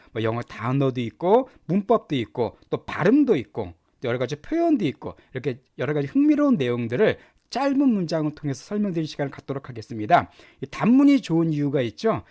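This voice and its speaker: A middle-aged man gives an English lesson, his voice rising and falling in an animated way. He sits a little high in pitch and breaks sentences down, repeating words slowly to show how they are said. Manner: lively, explains pronunciation by repeating words slowly. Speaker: English teacher. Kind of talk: Korean-language English lesson.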